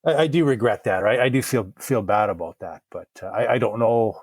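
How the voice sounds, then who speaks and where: Podcast guest: a soft-spoken man who speaks haltingly, recorded dry and close. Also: fairly low pitch, breathy edge, no room sound. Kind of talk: reflective interview talk.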